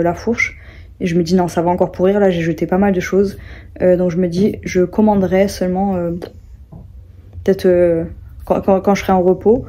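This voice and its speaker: A woman's voice: fairly low pitch, mellow. A young French woman vlogging in casual chat, rambling with many fillers and restarts, sleepy.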